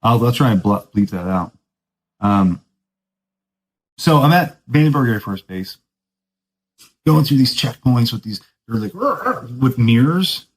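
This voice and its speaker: A man's voice: mid-range voice, lively intonation, a little slow, long pauses, rough recording. A man hosting a podcast, telling a rambling story in casual surfer talk, self-mocking and laughing often. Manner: laid-back surfer talk, keeps saying "dude". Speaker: podcast host.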